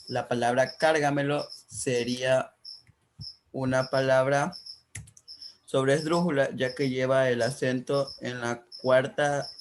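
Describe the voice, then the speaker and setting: A man's voice: mid-range voice, slight background noise. A man student steadily explaining word stress in a class presentation.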